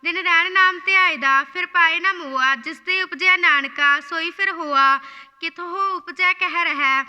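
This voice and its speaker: A woman reciting scripture line by line in a slow, measured chant, repeating phrases after correction. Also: very high-pitched, sharp tone, big-room sound.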